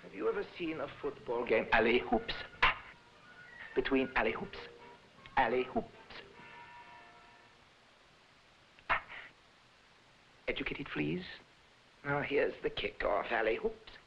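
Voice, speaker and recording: A man's voice: medium pitch, creaky, a little hiss or hum. An actor playing a grandiose, fussy old flea circus showman in a film, pompous and pleading, with theatrical flourishes. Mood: grandiose showmanship. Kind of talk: old film dramatic acting. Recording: dull old film soundtrack, faint music.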